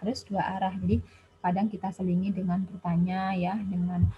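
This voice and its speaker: A woman gives a relaxed spoken lecture, chatting along with plenty of fillers. Her voice sits at a middling pitch for a woman. The recording is dull and muffled, like a basic lo-fi voice memo. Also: moderate pace, slight background noise. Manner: chatty, with many Javanese-flavored casual fillers. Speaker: health education lecturer.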